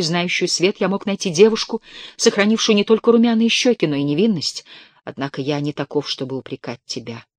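A reader acts out a cold young husband in an audiobook who fires off short, reproachful questions. His anger flares into sharp, lifted exclamations. Recorded close and dry. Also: medium pitch, no echo, close to an everyday voice. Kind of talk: dramatic audiobook reading.

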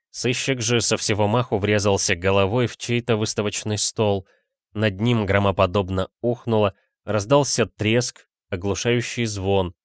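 A man narrating an adventure audiobook in steady storytelling. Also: lowish voice, no echo, studio quality. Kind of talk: scripted narration.

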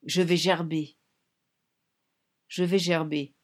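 A woman reading a storybook, voicing a teenage girl who shouts in frantic alarm. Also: on the low side, level tone, slow. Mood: sickened. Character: teenage girl, rebellious then panicked.

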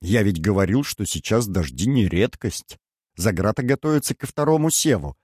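A man's voice: fairly low pitch, animated, normal speed, darkish tone, slightly rough, no echo, studio quality. A man voicing a serious, confident male military commander in an audiobook, with an assured manner.

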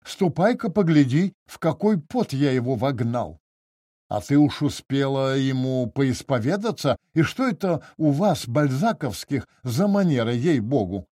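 Another audiobook reading of the indignant middle-aged notary comes from a man with a warm mid-range voice, recorded dry in a clean studio. He speaks at a measured pace with big swings in pitch, keeping the character formal and stiffly polite while clearly agitated.

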